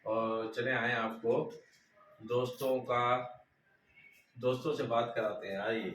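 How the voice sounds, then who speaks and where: A man vlogging and talking affectionately to his pet parrots in a dim room, with slow, coaxing baby talk. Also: mid-range voice, flat delivery, fairly bright tone. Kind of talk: casual vlog, coaxing pets. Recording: echoey room with faint noise.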